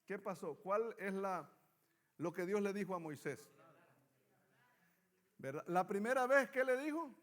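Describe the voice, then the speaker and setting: A man's voice: high voice, animated, measured pace, pauses often, a bit bright. A man teaching a Bible study class, reading scripture aloud and putting questions to his students.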